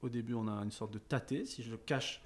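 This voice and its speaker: A man teaching a beginners' rhythm lesson, explaining calmly between chanted counting exercises. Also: medium pitch, fairly quick. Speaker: music teacher.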